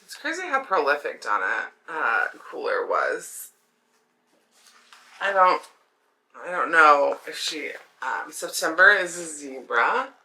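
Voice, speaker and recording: Bright, swollen-throated woman chatting. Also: sits low, very animated, takes it slowly. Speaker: craft video host. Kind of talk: casual chatty haul vlog.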